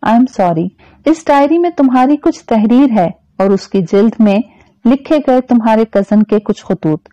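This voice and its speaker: A woman's voice: fairly high pitch, lively intonation, a little slow, dry recording. A woman voicing a tired, lovesick man. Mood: gentle. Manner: soft and faltering. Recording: dull, dry lo-fi recording.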